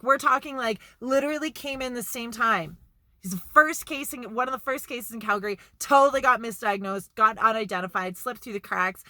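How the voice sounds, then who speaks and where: A woman's voice: medium pitch, bright, forceful tone, no room sound. A woman from Canada talking in a casual vlog monologue, blunt and emphatic, swearing freely and repeating words for emphasis. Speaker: vlogger.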